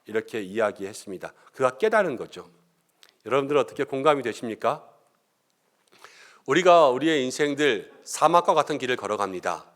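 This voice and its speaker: A middle-aged male pastor delivers a Sunday sermon with a lively, swinging delivery. His voice sits a little high for a man and rises sharply when he acts out the lines he quotes. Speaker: senior pastor.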